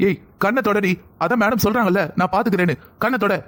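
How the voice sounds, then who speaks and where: A man's voice: sits high, fast, fairly bright tone. A man voicing a distressed cartoon father. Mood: pleading. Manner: distressed, pleading. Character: anxious middle-aged father begging help for his daughter. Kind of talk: cartoon voice acting.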